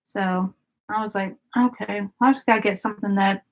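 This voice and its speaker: A woman's voice: mid-range voice, fairly even intonation, normal speed, rough recording. A woman, chatting casually with viewers during a craft live stream and often laughing. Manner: chatty, giggly, talks to viewers by name.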